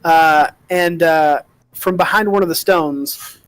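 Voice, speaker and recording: A man narrating a tabletop game as game master, improvising in a halting, hesitant way with many pauses. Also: fairly high pitch, steady tone, a bit bright, clean tone, no room sound.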